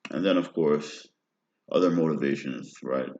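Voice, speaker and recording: In a dull, roomy lo-fi recording, a thirtysomething American man rambles through a personal story, often tossing in "right?" to check in. He speaks at a normal speed in a rumbling, low, darkish voice.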